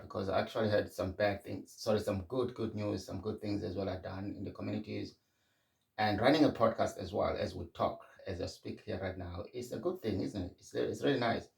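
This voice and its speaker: A man's voice: fairly low pitch, vocal fry, reverberant, recorded from a distance. A middle-aged man from Zimbabwe hosting a podcast, talking candidly in a reflective solo monologue. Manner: candid and conversational, frequent restarts. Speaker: podcast host.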